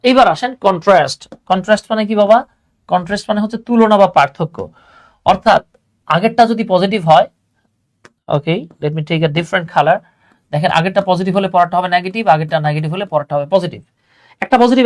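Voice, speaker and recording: A young man teaches English grammar in an online class, chatty and full of little affirmations. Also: high voice. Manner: chatty, repeats "হ্যাঁ", mixes English terms into Bengali.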